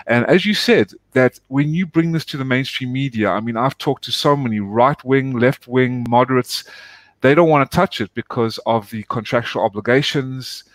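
An earnest man from South Africa, speaking as a guest in a long interview. His voice is fairly low and the sound is dry and close, with little room around it. He talks with steady, heartfelt emphasis. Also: no echo. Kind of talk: interview conversation.

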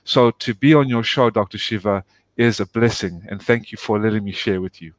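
An earnest man from South Africa, speaking as a guest in a long interview. His voice is fairly low and the sound is dry and close, with little room around it. He talks with steady, heartfelt emphasis. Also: brisk, no room sound. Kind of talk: interview conversation.

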